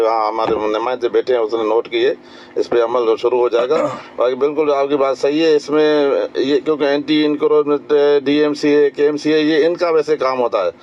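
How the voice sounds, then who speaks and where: A man's voice: mid-range voice, a little mellow. A male traffic police official answers listeners' questions on a call-in radio show. He is reassuring and keeps agreeing with them. The sound is slightly dull and muffled. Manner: reassuring, repeats "bilkul".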